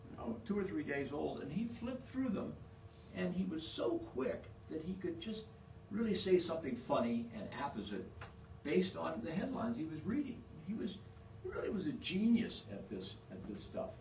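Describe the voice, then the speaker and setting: A man giving an informal, humorous lecture in a halting, hesitant way, pausing often to search for words. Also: fairly high pitch, sing-song, a little mellow. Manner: halting, hesitant delivery with long searching pauses. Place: indoor lecture room, picked up from afar. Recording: distant echoey room, faint noise.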